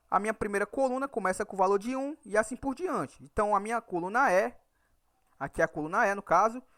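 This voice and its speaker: In this screen-recorded programming tutorial, an Excel VBA instructor from Ceará, speaking with a northeastern Brazilian accent, adds "right?" after almost every point he makes. He has a high-pitched, fairly bright voice. The audio is studio quality and free of echo.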